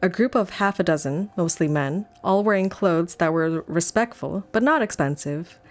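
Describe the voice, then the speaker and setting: Lower-voiced woman reading a novel on stream. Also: moderate pace. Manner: chatty asides with lots of "like". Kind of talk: casual live-stream book reading.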